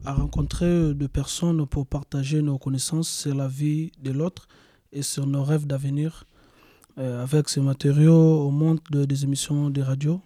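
Man as hesitant radio-workshop interviewer; slightly high, bright timbre. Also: dry recording, clean studio sound. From DR Congo. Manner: hesitant, many fillers and restarts.

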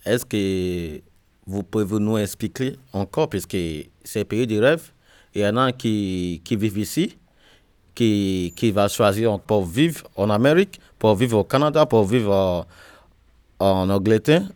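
A man's voice: on the low side, measured pace, darkish tone, clear, resonant tone, no echo. A man from Nigeria asking questions in a group, hesitant and often restarting his sentences. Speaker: interviewer. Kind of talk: casual interview in a group.

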